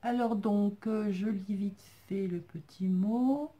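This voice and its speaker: A woman vlogger chatting casually as she shows off crafts she was sent, thanking viewers warmly and hesitating often as she describes each piece. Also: medium pitch, takes it slowly. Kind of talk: casual chat unboxing craft mail.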